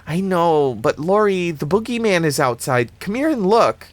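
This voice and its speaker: A man's voice: sits high, sing-song, moderate pace, no room sound, voice pushed up. A man reading aloud and voicing a scared, curious little boy. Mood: urgent. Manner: wide-eyed, pleading.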